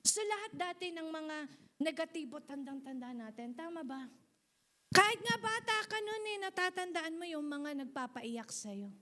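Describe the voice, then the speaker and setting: A woman pastor preaches in a high, bright-pitched voice. Her delivery is animated, and she slips in and out of English while calling on the congregation to answer her. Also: normal speed. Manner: mixes English into her sermon, animated, laughs often; asks the congregation for responses. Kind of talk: sermon.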